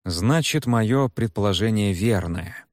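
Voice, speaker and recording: Man playing a young lieutenant, smooth, condescending, slightly raised voice, lively. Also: lowish voice, unhurried, no room sound, studio quality. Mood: smug. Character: young handsome police lieutenant, smiling and smug.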